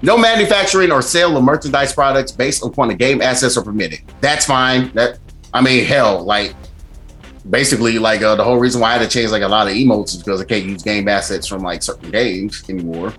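A man's voice: mid-range voice, fairly quick, fairly bright tone, soft background music. A man giving a casual, blunt streamer's commentary on gaming rules in loose slang, swearing freely. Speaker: streamer host.

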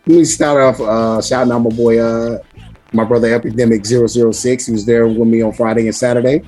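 A man with a hoarse, nearly lost voice hosting a casual podcast, talking in a slangy, self-deprecating, rambling way. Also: mid-range voice, warm tone. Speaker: podcast host.

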